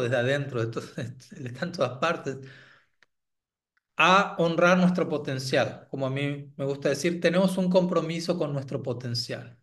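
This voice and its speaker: A man with a slightly high voice gives a devotional talk as a spiritual teacher. He speaks in a reflective, searching way, often checking in with his listeners. Now and then he pauses to clear his throat. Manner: reflective, asks "¿no?" after points.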